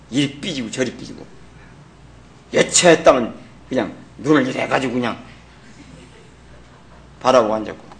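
A man's voice: mid-range voice, fairly bright tone. A middle-aged man preaching a sermon as pastor, blunt and colloquial, teasing and scolding his congregation.

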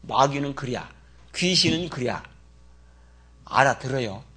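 A man preaching a sermon in a colloquial way, firing rhetorical questions at the congregation and swinging between loud exclamations and low asides. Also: lively intonation, measured pace, slightly rough. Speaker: pastor.

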